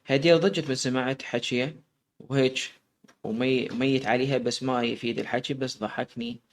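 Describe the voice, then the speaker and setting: A man's voice: mid-range voice, steady tone, brisk. A man narrating a first-person story.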